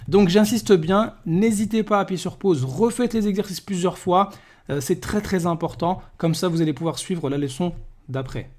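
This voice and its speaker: A man teaching a recorded reading lesson, patiently drilling syllables and explaining with lively emphasis. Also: sits high, normal speed.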